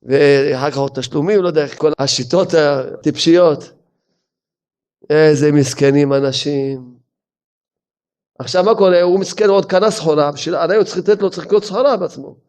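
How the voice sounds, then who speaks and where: A man, a rabbi, giving a sermon as a lively story full of rhetorical questions. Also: on the high side.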